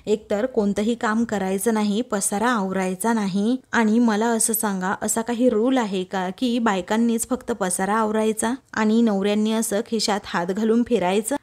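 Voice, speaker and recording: A quick-tongued young wife, sarcastic and retorting, as a woman reads her out in an everyday mid-range voice. She snaps back line after line in a retold serial. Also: medium pitch, steady tone, darkish tone, natural voice.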